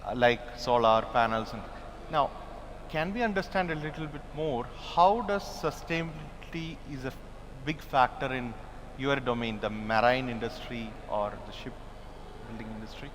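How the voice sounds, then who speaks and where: A man's voice: mid-range voice, moderate pace, a bit bright, slight background noise. A man moderating a panel discussion, formal and announcing. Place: large expo hall. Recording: hall reverb, faint ambience.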